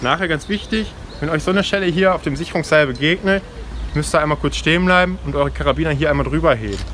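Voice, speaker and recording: Young guy, slightly high voice, explaining safety stuff casually outside, noisy bg w/ gear clinking. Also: quick pace. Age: 20s. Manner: informal, explanatory. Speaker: climbing park safety instructor. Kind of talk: spoken safety briefing with demonstration. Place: outdoors in a forest ropes course. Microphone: camera mic a few steps away. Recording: clear outdoor noise, passing vehicles, clinking gear.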